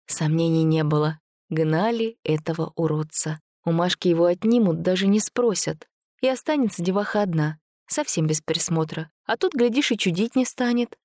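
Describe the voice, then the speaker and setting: Woman narrator, lower voice, measured audiobook reading, dry close sound. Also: dry recording. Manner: even, measured storytelling.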